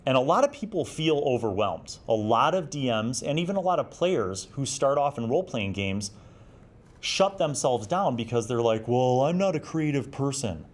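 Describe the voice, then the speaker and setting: His mid-pitched voice swings widely in pitch at a normal speed. This man in his forties, host of a tabletop RPG review show, talks through magazine articles conversationally, reading excerpts and giving explanatory, encouraging advice.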